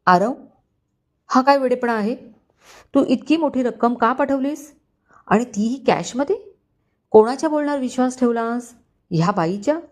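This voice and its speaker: A woman's voice: mid-range voice, fairly quick, mellow, natural voice. A woman doing a remorseful middle-aged father. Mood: angry pleading. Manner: pleading, choked with emotion.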